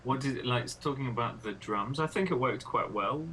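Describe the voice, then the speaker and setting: A man's voice: mid-range voice, normal speed, a loud crowd, low-quality recording. A man, a PhD student, interviewing a guest in casual conversation, thinking aloud with many fillers.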